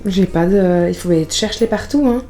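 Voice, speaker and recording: A woman vlogging her family life as a mother, chatting in a brisk, teasing, motherly way. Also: mid-range voice, warm tone. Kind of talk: casual family chat. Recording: roomy with music behind.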